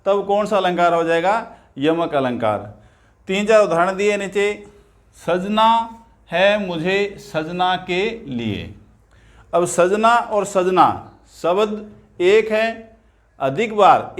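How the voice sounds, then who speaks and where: A man with a fairly high voice teaches a grammar lesson at an unhurried pace. He drills key terms by asking questions and then answering them himself. He recites lines of verse slowly and distinctly. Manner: slow, repeats key terms, asks and answers his own questions. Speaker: Hindi teacher. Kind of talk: grammar lesson on figures of speech.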